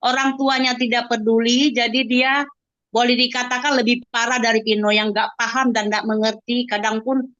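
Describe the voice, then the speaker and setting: A woman with a high voice speaks as a mother giving an earnest, emotional testimonial in an interview. She keeps addressing her listener politely as sir. The audio is dry and a little dull. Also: level tone, moderate pace, fairly bright tone, no room sound.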